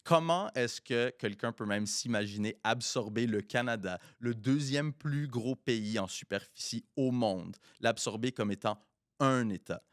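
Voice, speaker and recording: A man's voice: medium pitch, measured pace, no room sound, studio quality. A man co-hosting a podcast in casual chat, switching between French and English mid-sentence and giving firm, emphatic opinions. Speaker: podcast co-host.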